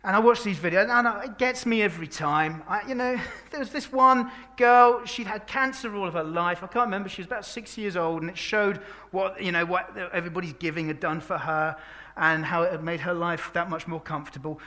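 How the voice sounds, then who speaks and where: British preacher, sermon delivery; wide loud-soft swings, slows on key phrases, earnest and emotional. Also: medium pitch.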